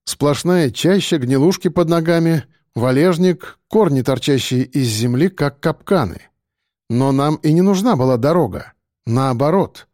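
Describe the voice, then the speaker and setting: A male audiobook narrator with a dark, mellow timbre, telling a first-person story in a steady and tense way. The recording is dry and close, with no room around the voice. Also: fairly high pitch, dry recording.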